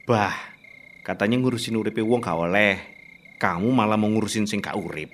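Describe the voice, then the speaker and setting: A man's voice: fairly low pitch, a bit bright, slight background noise, natural voice. An actor playing a cautious young man, reluctant and nervous, in a radio drama. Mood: uneasy. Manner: nervous, reluctant, fast comebacks.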